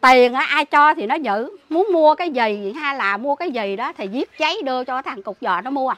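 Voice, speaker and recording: In an emotional interview, a woman with a Southern Vietnamese accent who looks after a sick man in her family hurries through her story, indignant and full of restarts. She has a high voice with lively intonation at normal speed, a bit bright, with no room sound.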